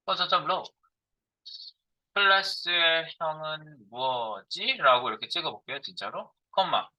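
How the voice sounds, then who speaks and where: A middle-aged programming instructor gives a live coding lecture, thinking aloud as he types and posing questions he then answers himself. His voice is a little high, pushed and bright, with a measured pace, in a rough recording.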